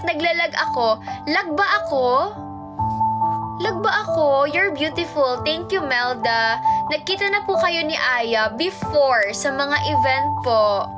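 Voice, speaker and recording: A young woman from the Philippines speaks in a high voice as she hosts a casual livestream. She reads viewer comments aloud and answers each one playfully. Music plays clearly behind her. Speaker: idol livestreamer reading fan comments. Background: music playing in the background.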